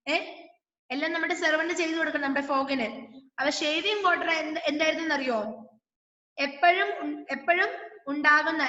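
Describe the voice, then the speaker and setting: A woman teaching an English class online, reading lines out slowly and explaining them in quick, questioning asides. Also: sits high, pushed and bright. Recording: dull, echoey room with long reverb.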